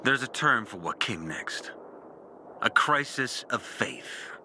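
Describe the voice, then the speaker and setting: A male actor voices a video game character, a bitter and intense former priest who has become disillusioned, narrating an audio journal about losing his faith. The confessional monologue is brooding and deliberate, with dramatic pauses, in an expressive medium-pitched voice that feels troubled and grim. Background noise can be heard.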